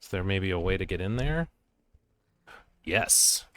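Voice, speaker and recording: Very low-voiced man muttering through a game. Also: lively intonation, unhurried, fairly bright tone, clear, resonant tone. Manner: muttering to himself in short fragments; reads on-screen text aloud. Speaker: gamer playing and commenting on a video game. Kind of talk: casual gameplay commentary.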